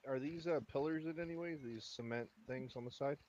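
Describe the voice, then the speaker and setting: A man's voice: mid-range voice, brisk, darkish tone. Playful guy asking about the rules, dull muffled mic, bit of hiss. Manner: playful, asks lots of rules questions. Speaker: player. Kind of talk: casual tabletop game chat.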